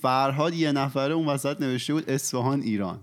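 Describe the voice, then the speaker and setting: A man co-hosting a casual podcast chat, telling an anecdote and explaining plainly. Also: mid-range voice.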